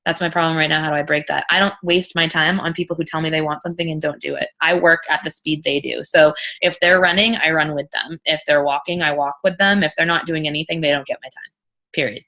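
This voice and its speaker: A woman with a slightly low, bright and forceful voice coaches her team informally. She is blunt and emphatic, hammering points by repetition and swearing casually. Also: steady tone, quick pace. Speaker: team leader and business coach. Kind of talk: informal live coaching talk.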